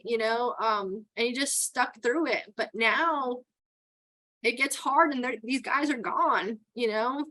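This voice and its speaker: A middle-aged woman from New York who speaks with a Texan accent carrying some New York in it chats casually as an interview guest, laughing often. She's a towboat port captain, and her voice is a little high with a sharp tone. The audio is poor.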